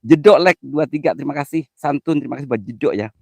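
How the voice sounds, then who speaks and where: A man in a casual live-stream chat with a fairly high voice. He is giggly and easily flustered and mixes slang with broken English. The sound is dry and close. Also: fast talker, gravelly, dry recording.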